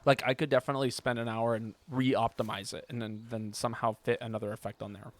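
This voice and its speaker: A man's voice: mid-range voice, flat delivery, fast talker. A man streaming a video game, chatting casually and rambling as he thinks aloud. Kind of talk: casual live gaming commentary. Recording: clear background noise.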